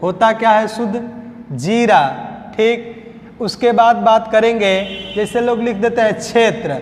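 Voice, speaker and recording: A man with a Hindi accent teaching a spelling lesson in a coaching class. He drills each word by slow repetition and quizzing. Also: sits high, fairly even intonation. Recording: echoey classroom hall.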